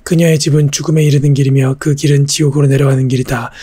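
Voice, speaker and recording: Fast, flat-toned man reading scripture. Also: medium pitch, breathy edge, no echo. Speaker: Bible reader. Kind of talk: steady scripted Bible reading.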